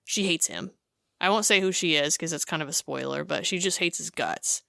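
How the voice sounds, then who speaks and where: A woman co-hosting a podcast, recounting a game scene in casual chat, animated and full of fillers. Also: sits low, brisk, creaky, no echo, studio quality. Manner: animated storytelling with many fillers. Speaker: podcast co-host.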